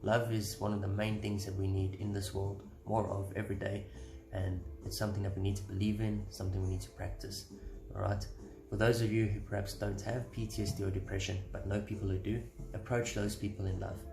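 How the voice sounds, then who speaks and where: A man's voice: lowish voice, flat delivery, brisk, vocal fry, echoey room, music in the background, poor audio. A man giving a casual devotional talk, conversational and earnest, posing rhetorical questions to his listeners.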